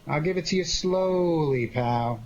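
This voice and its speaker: In a 1940s-style radio detective drama, a man plays a cool, sardonic amateur sleuth tossing off slangy wisecracks with a smug, teasing air. His voice is a little high and darkish, paced evenly, and the lo-fi audio sounds dull with faint noise.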